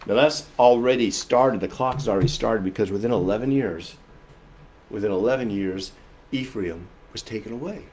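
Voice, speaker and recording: A man's voice: on the low side, moderate pace, slight background noise. Earnest male pastor preaching a sermon. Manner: earnest, emphatic, shifts often between loud and soft; repeats and restarts phrases while explaining.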